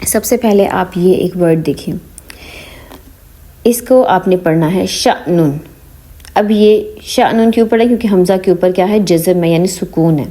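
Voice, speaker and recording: Speaking warmly in a lowish voice, a woman runs an online Quran reading lesson, slipping English words into her Urdu. After each point she asks whether the learner has got it.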